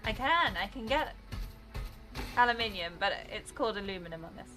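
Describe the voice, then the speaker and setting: A woman's voice: on the high side, expressive, moderate pace, pushed and bright, faint music behind, low-quality recording. A British woman chatting casually while streaming a game, rambling and laughing often. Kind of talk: casual gameplay commentary.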